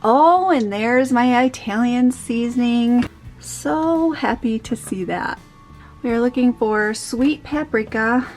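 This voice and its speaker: A woman's voice: fairly high pitch, slow pace, soft background music. A woman narrating a casual shopping and cooking vlog in a chatty, upbeat way, thinking aloud as she goes. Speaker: home cook and shopping vlogger.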